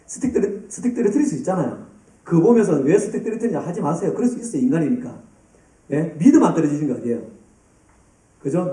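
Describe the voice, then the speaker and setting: A man preaching a sermon to a youth group, lively and addressing students by name. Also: fairly high pitch. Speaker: pastor. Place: church hall. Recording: roomy, distant church hall sound.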